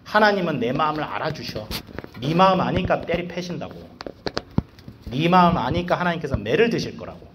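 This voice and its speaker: Against a noisy background, a school evangelist speaks to students in a fairly quick, high-leaning voice. His casual devotional sermon is animated and slangy, full of rhetorical questions.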